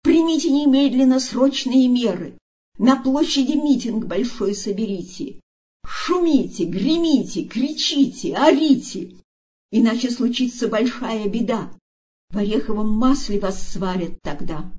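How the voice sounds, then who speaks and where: A woman's voice: fairly high pitch, animated, slow, mellow. Storybook: woman reader plays a kind, stubborn male elephant, pleading and urgent, dull lo-fi sound. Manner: pleading, insistent, raised voice. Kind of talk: storybook reading.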